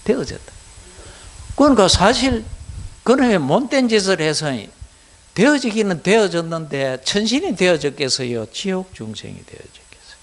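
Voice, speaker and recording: A middle-aged man with a Gyeongsang Korean accent lectures on Buddhism to lay students, pitched high for a man. His voice swings widely up and down as he fires rhetorical questions at the class. The delivery stays lively and conversational. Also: normal speed. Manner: animated, keeps asking the class rhetorical questions.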